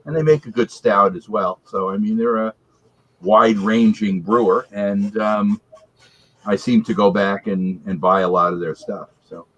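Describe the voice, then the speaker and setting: A man on a video call with a heavy reverb echo on his audio, giving a casual, measured beer and cheese review with scores point by point. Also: on the low side, fairly even intonation, a bit bright. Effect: reverb-heavy echoey sound. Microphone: video call microphone.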